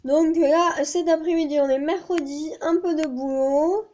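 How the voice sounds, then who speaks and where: Young woman, high voice, meandering vlog chat full of hesitations. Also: fairly even intonation, measured pace, a little mellow, dull audio. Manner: rambling, many fillers and restarts. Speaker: vlogger. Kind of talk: casual chat to camera.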